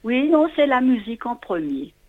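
A woman speaking as a guest over a low-quality phone line into a radio show, hesitant and trailing off with filler words. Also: very animated, moderate pace. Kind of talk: casual phone interview. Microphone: telephone. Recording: muffled lo-fi phone audio.

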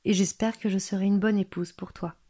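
A woman voicing a small, gentle female frog princess in a storybook reading, with a soft, tender little voice. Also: mid-range voice, fairly even intonation, fairly quick, natural voice. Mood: pleading.

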